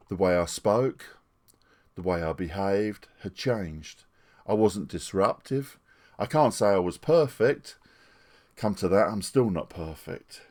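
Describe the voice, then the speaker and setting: With a deep, darkish voice, a retired pastor from England, now in his sixties, gives a personal testimony to camera. He speaks earnestly and plainly into a desktop microphone.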